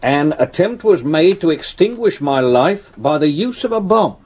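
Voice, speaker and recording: A man's voice: fairly high pitch, expressive, moderate pace, darkish tone. A man playing a deferential, grumbling police sergeant in a 1970s radio drama.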